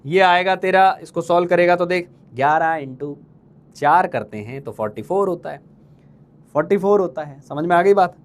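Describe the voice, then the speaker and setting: Quick, chatty and teasing, a man with a high voice runs a live online chemistry session for exam students. Like a coaching teacher, he asks the same question twice over and fondly gives the class playful nicknames.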